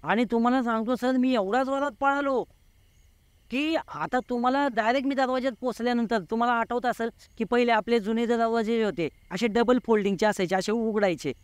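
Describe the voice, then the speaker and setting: A man's voice: extremely high pitch, fairly quick, clear, resonant tone, dry recording. A man in his forties, a guest telling a true story in an interview, vivid and repeating words for effect.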